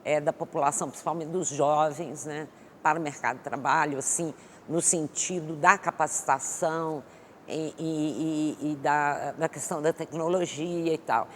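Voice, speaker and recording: A woman guest expert in an interview, answering thoughtfully with many pauses and restarts. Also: sits low, steady tone. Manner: hesitant, many fillers and restarts. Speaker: economist guest. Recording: long hall reverb with faint noise.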